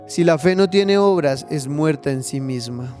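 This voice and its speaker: A man's voice: a little high, unhurried, darkish tone, faint music behind. A male pastor preaching an online church sermon emphatically and dramatizing the Bible passages he reads.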